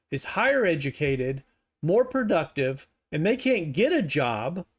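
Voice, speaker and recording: A middle-aged man hosts a reaction video with a notably high voice. He fires back at clips in a sarcastic, heated tone, mocking as he argues. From United States. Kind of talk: reaction commentary.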